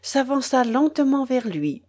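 A woman narrating a classic novel as an audiobook, reading in a dramatic, expressive way. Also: high-pitched, a little slow.

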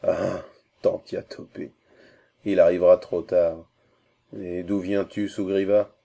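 A man's voice: low-pitched, little pitch movement, slow pace, gravelly, warm tone, heavily acted. A man reading aloud and voicing an old Indian prince, a grief-stricken father who turns wrathful and commanding. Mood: weary grief. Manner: anguished, then commanding and vengeful.

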